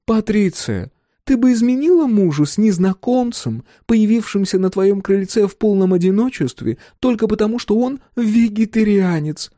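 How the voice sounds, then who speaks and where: A man's voice: a little high, expressive, very slow, few pauses, warm tone, no echo, studio quality, voice pushed up. A man doing a sardonic, needling woman. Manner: sarcastic, pointed questions.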